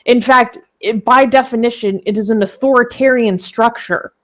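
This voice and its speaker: A woman's voice: fairly high pitch, normal speed, a bit bright. A woman co-hosting a casual online discussion, talking loosely with lots of "um" and "like" as her microphone crackles and cuts in and out. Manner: chatty, full of "um" and "like", restarts sentences. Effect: crackling mic that cuts in and out.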